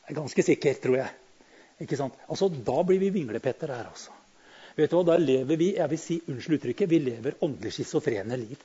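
A man preaching a sermon who talks to the congregation directly and swings between quiet musing and loud, fervent exclamations. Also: mid-range voice, lively intonation, slightly rough, muffled recording. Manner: conversational, addresses the congregation directly.

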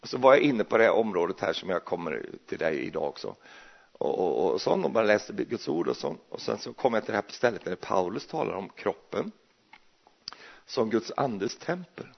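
A man's voice: on the low side, sing-song, gravelly, slightly rough. A male preacher, giving a chatty, joking sermon full of restarts. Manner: chatty and jokey, with many restarts. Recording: muffled, dull recording.

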